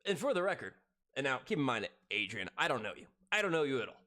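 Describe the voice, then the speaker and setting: During a live game stream, a man in his thirties talks fast and very animatedly in a medium-pitched, sharp-toned voice. His casual chat with viewers is laid-back and profane.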